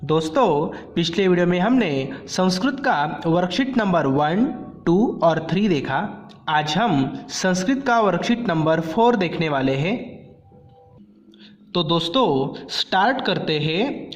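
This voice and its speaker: Slow, deliberate man teaching. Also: sits high, lively intonation. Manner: slow, deliberate, repeats each word several times. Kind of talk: slow worksheet lesson for young pupils.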